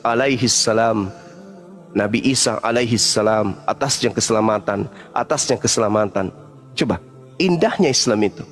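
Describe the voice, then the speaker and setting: A man plays a preacher in a religious debate, pushing his point with rhetorical questions as his voice swings between quiet murmurs and loud emphasis.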